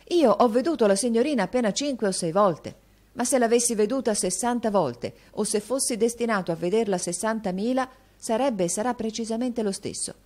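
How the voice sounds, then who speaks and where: A woman's voice: a little high, darkish tone, pitched above the performer's own voice, lightly acted. A woman voicing an earnest, flustered young male tutor who pleads insistently to be heard.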